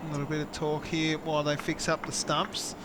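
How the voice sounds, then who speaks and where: A man with a Tasmanian Australian accent calls cricket live in a conversational way. His voice sits a little high for a man. Heavy outdoor noise with traffic ambience runs behind him. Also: level tone, brisk. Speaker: play-by-play cricket commentator. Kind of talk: live sports commentary, conversational.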